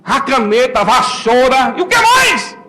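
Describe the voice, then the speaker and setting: A Brazilian pastor with a very high voice for a man preaches a sermon in everyday, repetitive speech. His delivery swings between ringing calls to the congregation and quiet, confiding asides. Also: very animated, measured pace, music in the background. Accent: Brazilian Portuguese.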